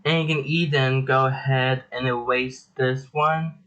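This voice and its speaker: A man's voice: mid-range voice, fairly even intonation, a little slow, a bit bright, lo-fi sound. A young man hosting a casual drawing tutorial, chatty and self-deprecating as he rambles through his steps.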